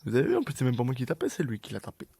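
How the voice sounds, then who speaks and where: A man's voice: medium pitch, wildly swooping pitch, racing, creaky, warm tone, slightly rough, dry recording. Playful man rambling over gameplay, dry sound. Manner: playful, rambling, mock-exasperated, talking to viewers and himself. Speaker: gaming video creator. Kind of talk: casual gameplay commentary.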